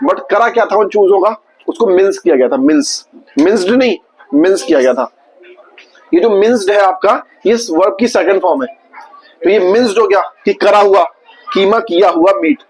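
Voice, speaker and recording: A male teacher giving a classroom vocabulary lesson, quizzing his students and slowly repeating each word. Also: high voice, poor audio.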